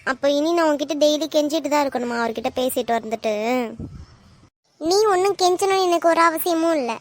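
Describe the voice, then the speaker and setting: A woman's voice: high voice, a little fast. A woman voicing a young college girl in a cartoon, with a Tamil Nadu accent and a teasing, sulky way of arguing with her friend. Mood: bickering. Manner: teasing, sulky back-and-forth. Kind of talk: cartoon voice acting.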